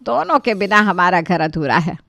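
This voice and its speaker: A woman's voice: on the low side, animated, moderate pace, creaky, fairly bright tone, no room sound. A woman voicing an older mother-in-law who heads the family in a cartoon story. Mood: proud. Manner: scolding, then proud. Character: stern older mother-in-law, head of house.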